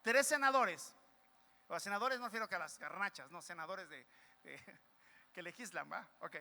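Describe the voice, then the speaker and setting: A man's voice: sits high, normal speed, gravelly, sharp tone. A man preaching a sermon as pastor, energetically calling on the congregation to repeat phrases after him. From Mexico. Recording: reverberant church hall with music.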